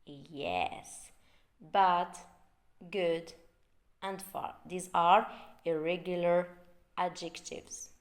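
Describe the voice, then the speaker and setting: A woman teaching an English grammar lesson, reading out words slowly and repeating them for learners. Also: on the low side.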